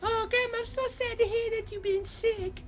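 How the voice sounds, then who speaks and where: A man's voice: very high voice, steady tone, moderate pace, pitched above the performer's own voice. A man voicing an innocent, plaintive little girl from a storybook. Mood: sweet.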